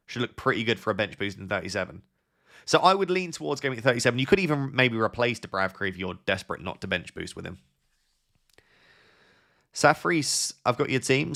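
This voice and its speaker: A young man hosting a casual live stream, reading viewers' messages aloud and thinking out loud with quick, offhand advice. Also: medium pitch, gravelly. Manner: thinks aloud with fillers and restarts. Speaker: live-stream host answering chat.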